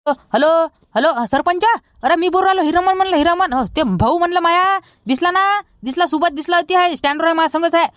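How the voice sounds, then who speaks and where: A man's voice: extremely high pitch, dry recording, clean studio sound. A man with a Vidarbha Marathi accent playing a broke village man who scolds everyone in a rustic comedy sketch. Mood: scolding. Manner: scolding, rapid and loud.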